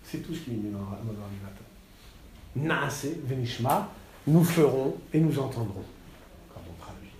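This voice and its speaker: A man teaching a classroom text study, halting and repeating words, then stressing key points with energy. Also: medium pitch, expressive, echoey room, noisy background.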